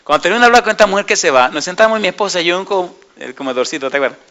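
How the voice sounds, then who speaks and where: A middle-aged man preaching a sermon, animated and often asking the congregation questions. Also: sits high, very fast. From Dominican Republic.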